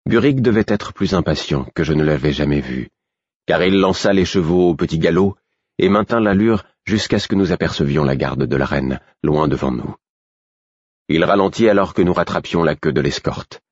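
A man reading a first-person novel aloud, with steady, measured narration and voices for the characters. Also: low-pitched, slightly rough, no echo, lo-fi sound. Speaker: audiobook narrator.

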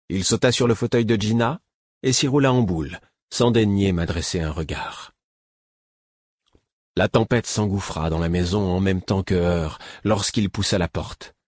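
Man narrating an audiobook, low voice, husky, calm and measured. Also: dry recording, studio quality.

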